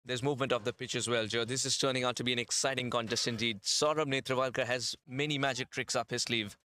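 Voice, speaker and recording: A man's voice: mid-range voice, steady tone, fast talker, pushed and bright, no echo. A man commentating live on a cricket match, explaining tactics and bowling in detail. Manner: analytical, explains tactics at length.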